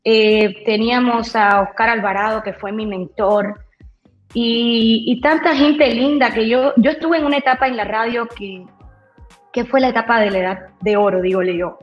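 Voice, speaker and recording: A woman with a slightly high voice tells her story as an interview guest, bold and lively, slipping into the voices of people she quotes. The recording is roomy and a little dull and lo-fi, with faint music underneath. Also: normal speed. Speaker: radio announcer, interview guest.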